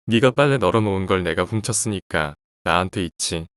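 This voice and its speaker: A man voicing a calm, polite stranger who turns out to be a cold killer, in a horror story told in a quiet, composed way. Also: deep voice, brisk, clear, resonant tone, dry recording, clean studio sound. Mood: cold menacing. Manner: quiet, composed, chillingly casual.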